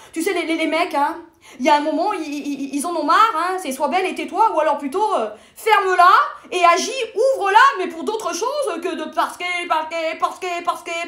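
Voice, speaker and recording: High-voiced, stammering comic woman. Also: fairly bright tone. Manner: stammering, blunt, crude punchlines. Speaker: comedian. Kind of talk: comic sketch monologue. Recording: echoey room.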